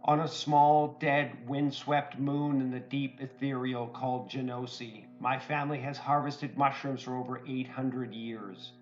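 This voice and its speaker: A prim, well-dressed kobold merchant, voiced by a man speaks with formal courtesy in a slightly raised pitch. Soft music plays faintly behind him in this tabletop game recap. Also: fairly even intonation, a little slow, few pauses, muffled recording, natural voice. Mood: earnest storytelling.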